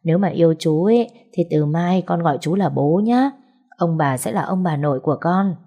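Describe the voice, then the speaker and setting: A woman's voice: fairly low pitch, moderate pace, dark tone. A woman reading the lines of an elderly mother who fusses and persuades her grown son. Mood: coaxing. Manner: chatty, persuading. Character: elderly village mother, doting and bossy.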